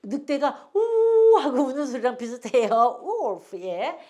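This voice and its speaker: A woman's voice: high voice, very animated, slow pace, mellow. An older woman teaching an English phonics lesson, patiently repeating each word for learners to echo and drifting into homely stories.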